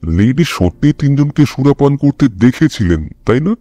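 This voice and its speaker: A man voicing a brilliant, restless male detective who reasons in a measured way and sometimes turns urgent. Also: on the low side, lively intonation, mellow, no room sound, close to an everyday voice. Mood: reasoning.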